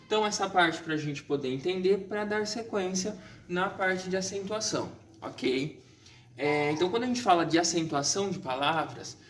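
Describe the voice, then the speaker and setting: A man's voice: high-pitched, a little hiss or hum. A man teaching a lesson, explaining patiently and often checking in with his students. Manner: patient, explanatory, frequent check-ins like "certo?" and "tá?". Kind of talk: recorded online lesson. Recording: echoey room, voice from a distance.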